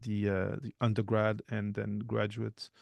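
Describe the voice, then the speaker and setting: A man, talking as a guest in a relaxed, thoughtful way with frequent restarts. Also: lowish voice, a little slow, gravelly, dry recording. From Portugal. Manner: thoughtful, self-correcting, many restarts. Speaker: podcast guest. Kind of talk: casual interview talk.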